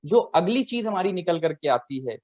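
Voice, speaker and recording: A man's voice: sits high, sing-song, moderate pace, darkish tone. A man hosting an interview, politely affirming answers and asking structured follow-up questions. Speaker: host interviewer. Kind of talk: interview conversation. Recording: dull lo-fi sound.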